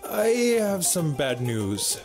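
A doom-saying program with an Indian accent. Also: male voice, a little high, big pitch swings, slow, heavily acted. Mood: haughty. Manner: overdramatic, repeats doom. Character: fussy male software program, gloomy and fatalistic. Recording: game music underneath.

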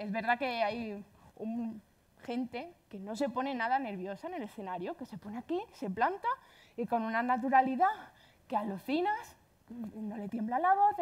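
A woman with an Andalusian accent giving a chatty, self-deprecating conference talk, speaking quickly. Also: a little high, darkish tone.

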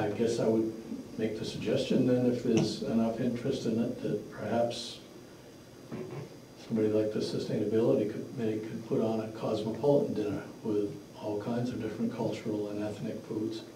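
A fundraiser organizer addresses a town meeting in a blunt, matter-of-fact way, his fairly low voice delivered flat at normal speed. He is picked up by a far room microphone in an echoey mid-sized indoor meeting room, with background noise present.

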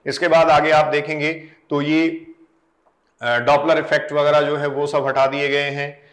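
A man's voice: a little high, level tone, unhurried, fairly bright tone. A man, an exam coaching educator talking students through syllabus changes and reading out lists of deleted topics. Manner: addresses students directly, reads out topic lists.

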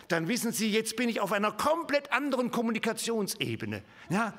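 A male pastor preaching a sermon, swinging from hushed whispers to emphatic raised lines and putting rhetorical questions to the congregation. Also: sits high, big pitch swings, fairly quick. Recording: reverberant church hall.

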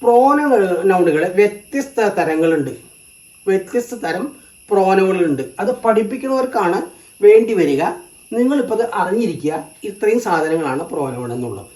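Teacher doing a slow grammar class, says everything twice in two languages, echoey room. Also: medium pitch, sing-song, darkish tone. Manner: slow and repetitive, stating each term in two languages. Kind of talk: grammar lesson.

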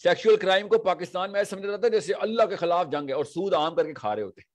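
Religious lecturer, man, a touch high-voiced, animated storyteller who keeps asking the room questions. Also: fast talker. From Pakistan. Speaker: religious speaker.

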